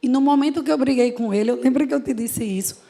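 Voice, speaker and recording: A woman with a fairly high voice talks earnestly on a panel. Her delivery is brisk and focused, and she speeds up when she makes a point. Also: vocal fry, warm tone. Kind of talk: panel discussion.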